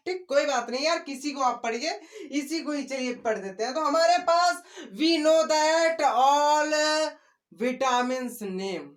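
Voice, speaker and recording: A man's voice: extremely high pitch, a bit bright. A male teacher giving an exam-prep video lesson in a playful, joking way, repeating key words to drive them home.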